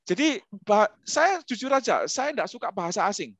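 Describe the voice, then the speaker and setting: A middle-aged man giving a humorous, animated talk as a webinar guest speaker, speaking straight to his listeners. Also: sits high, moderate pace, creaky, no room sound. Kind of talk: lively storytelling talk.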